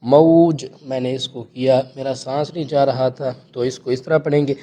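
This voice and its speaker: A man with a medium-pitched, dark, level voice teaches Quran recitation, patiently explaining each letter and rule and checking in with his students. He chants the verses slowly, drawing them out.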